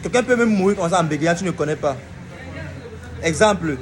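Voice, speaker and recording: A man's voice: fairly high pitch, expressive, fairly quick, a little hiss or hum. A man hosting a casual comedy video, playfully explaining things and acting out every example himself. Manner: playful, acts out examples with stuttering.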